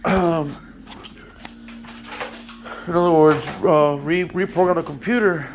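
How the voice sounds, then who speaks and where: A man's voice: a little high, fairly even intonation, slow, slight background noise. A man explaining a motorcycle repair in a casual workshop walkthrough, rambling with many fillers and restarts, blunt and swearing now and then. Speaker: motorcycle mechanic.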